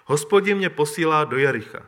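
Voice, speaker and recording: A man reading the lines of Elijah, a calm and resolute old prophet, in a plain, low-key voice. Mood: solemn.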